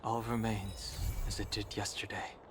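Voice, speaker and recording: A man voices an earnest, friendly young fighter in a video game, full of wide-eyed wonder, in conversational dialogue with a wistful, friendly mood. His voice is fairly low and level at a measured pace, lightly acted, with music and background noise behind it.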